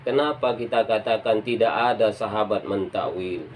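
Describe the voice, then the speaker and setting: A man's voice: on the low side, normal speed, a little hiss or hum. A man preaching to a congregation, emphatic and didactic as he explains a point. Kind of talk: lecture to a congregation.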